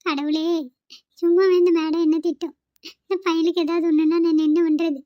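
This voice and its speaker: A woman's voice: extremely high pitch, little pitch movement, normal speed, dry recording. A woman voicing an elderly female nanny who pleads and frets in a cartoon. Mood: fretful. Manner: pleading and fretful. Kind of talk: cartoon voice acting. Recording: dull, dry home recording.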